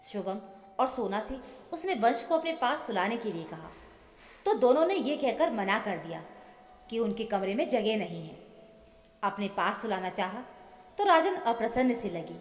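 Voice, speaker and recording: A woman telling a scripted emotional family story in an earnest, measured manner. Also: a little high. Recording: echoey with long reverb, soft music. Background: soft background music.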